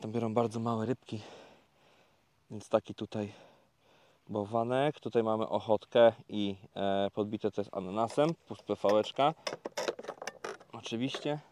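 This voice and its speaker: A man talking casually to viewers in a fishing vlog, explaining each step in a relaxed, chatty way with many fillers, recorded outdoors by a lake. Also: lowish voice, measured pace, long pauses, a little hiss or hum. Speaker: carp fishing vlogger.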